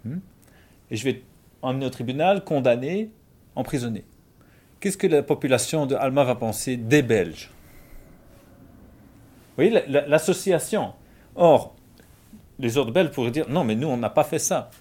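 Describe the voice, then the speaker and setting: A man from Belgium with a Belgian French accent, explaining Bible principles in a measured, conversational way with everyday examples. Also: medium pitch, animated, mellow. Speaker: Bible discussion speaker.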